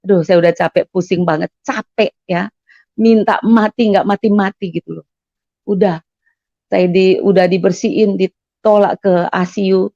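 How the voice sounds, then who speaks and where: A middle-aged woman giving a personal testimony, telling her story in an animated way. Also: mid-range voice, moderate pace, dry recording. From Manado, Indonesia. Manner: animated storytelling, acts out quoted voices. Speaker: testimony giver. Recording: dull lo-fi recording.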